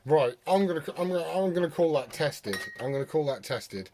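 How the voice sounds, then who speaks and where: A British CB radio operator and vlogger talks fairly quickly in a slightly high, expressive voice against a noisy background. He rambles informally and swears, switching between casual chat and CB radio calls.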